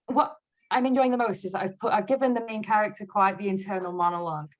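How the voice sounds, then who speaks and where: A woman author, guesting on a casual interview, tells animated stories and laughs often. Her medium-pitched voice moves quickly, and the audio sounds dull.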